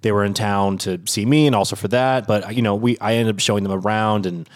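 A man's voice: fairly low pitch, steady tone, fairly quick. Laid-back man podcast co-host. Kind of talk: casual chat.

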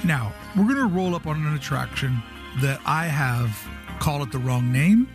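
Male host, higher-than-average pitch, jokey and opinionated, chatting casually over music. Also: expressive, normal speed.

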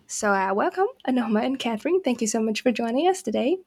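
A woman's voice: fairly high pitch, animated, fast talker, a little mellow. A woman hosting a book interview, welcoming guests and asking questions with some hesitation and fillers. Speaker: interview host.

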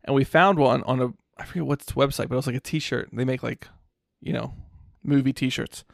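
A man's voice: medium pitch, fairly quick, creaky, dry recording, clean studio sound. A man co-hosting a podcast, chatting casually and joking his way through a movie scene. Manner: laid-back, jokey banter. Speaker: podcast co-host. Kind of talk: casual movie-commentary chat.

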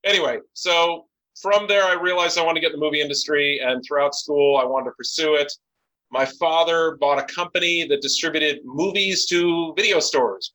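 A man's voice: on the high side, fairly bright tone, rough recording. A man in his forties answering interview questions, telling long stories and listing things off as he goes. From United States. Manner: rambling storyteller, lists things off. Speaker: podcast guest, business owner.

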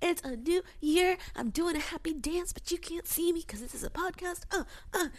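A woman in her thirties hosting her own podcast, chatting in a bubbly, excitable way while congested. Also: extremely high pitch, normal speed. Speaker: podcast host. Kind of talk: casual solo podcast talk.

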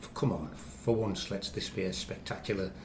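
In an echoey room with a little background noise, a Walsall man in middle age, working as a chief reporter, joins a podcast for casual football chat. He talks at a moderate pace in a low voice, sounding confident and dry-humoured with his West Midlands accent.

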